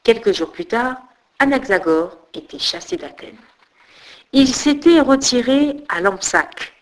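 Expressive woman storyteller. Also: fairly high pitch, measured pace, low-quality recording. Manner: expressive, voices the characters in dialogue. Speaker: storyteller and blog host. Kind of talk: storybook narration.

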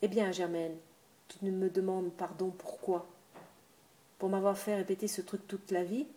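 A woman's voice: mid-range voice, level tone, moderate pace, mellow, close to an everyday voice. A woman voicing a grumbling older male village innkeeper in his sixties who speaks in coarse country talk.

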